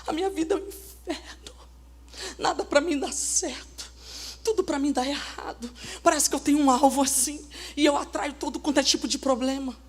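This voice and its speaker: A woman voicing a self-pitying woman who moans melodramatically about her hard life, tearful and low. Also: racing, hardly any pauses, warm tone. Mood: wailing self-pity. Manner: moaning, melodramatic lament.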